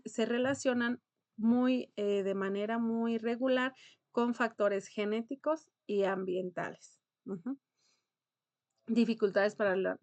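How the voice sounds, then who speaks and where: A woman's voice: medium pitch, no room sound. Woman teacher running a casual lecture, explains with examples, checks in with the class often. Mid-range voice, dry room. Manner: conversational, explains with examples and rhetorical questions.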